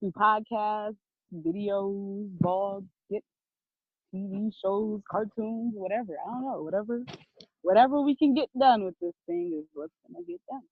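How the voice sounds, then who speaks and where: Laughing often and swearing without restraint, a woman guest discusses her podcast in a relaxed interview chat. Her medium-pitched voice moves at a moderate pace, recorded dry over a tinny, phone-like video or phone call.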